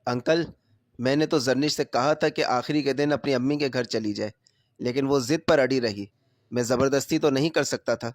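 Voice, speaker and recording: A man voicing a remorseful young husband who speaks softly and tearfully in a storybook reading. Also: mid-range voice, no room sound, studio quality, lightly acted. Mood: grieving. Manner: soft and tearful.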